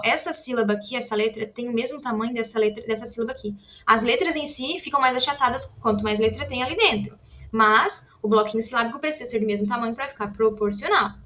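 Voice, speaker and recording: A woman's voice: fairly high pitch, pushed and bright. A woman teaching a casual online language lesson, explaining step by step while writing examples and often checking in with her students. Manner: chatty, frequent "né?" and "tá?" check-ins.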